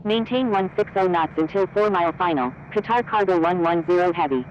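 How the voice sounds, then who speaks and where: This pilot transmission comes over a cockpit headset as a dull lo-fi radio signal with a little hiss or hum. A man acting as an airline pilot, his voice sitting high and brisk, reads back instructions using clipped aviation phrasing.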